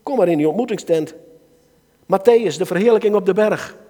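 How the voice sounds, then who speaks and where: A man with a Dutch accent preaching a sermon to a church gathering, swinging between soft asides and loud calls to his listeners. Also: high voice, a little fast. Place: church hall. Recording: reverberant hall.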